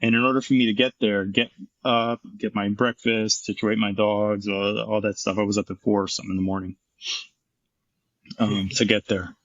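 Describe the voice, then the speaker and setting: A man's voice: on the low side, flat delivery, moderate pace, a bit bright, no echo, muffled recording. A middle-aged man, a former firefighter and paramedic, telling his story frankly and intensely in an interview, swearing freely.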